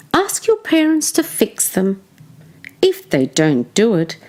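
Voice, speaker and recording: In a teacherly manner, a fairly high-voiced woman reads from a children's storybook, shaping each line with expressive, careful emphasis meant for little ones.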